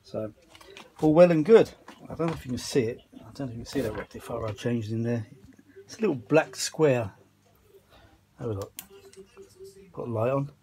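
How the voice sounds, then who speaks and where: A British hobbyist films his repair of vintage audio gear on a handheld phone, offering a casual, rambling commentary to camera full of colloquialisms, muttered asides and mild grumbling. His mellow, mid-range voice moves at a moderate pace with frequent pauses.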